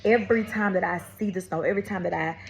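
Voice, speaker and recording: A woman's voice: medium pitch, quick pace, vocal fry. A woman, telling a faith testimony as a casual vlog. She keeps calling her viewers y'all and baby and often restarts her sentences as she tells the story. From Atlanta, USA. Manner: talks straight to viewers, calls them y'all and baby; animated storytelling with frequent restarts. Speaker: vlogger.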